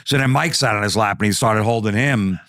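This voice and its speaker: A man with a lowish voice tells a profane comic story from his youth in the New Jersey area. He acts out the people in it as he goes. The sound is dry and close to the mic. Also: a little fast, a bit bright, no room sound. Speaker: podcast guest. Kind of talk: comedic storytelling.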